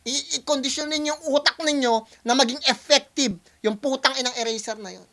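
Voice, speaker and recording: A man's voice: extremely high pitch, brisk, creaky, bright, forceful tone. A man, a music producer, talking casually to his viewers and explaining things step by step at length, often checking in with "di ba?" and mixing English into his Tagalog. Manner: long-winded, explains step by step, often asks "di ba?"; Taglish, switches between Tagalog and English. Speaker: music producer reacting to a rap battle.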